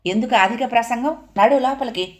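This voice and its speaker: A woman reads a gentle young wife and mother in an audio novel, her voice close to the narrator's own. She speaks at a plain middle pitch. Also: moderate pace, natural voice. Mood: sharp. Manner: tender. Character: gentle eldest daughter-in-law, tender then stern.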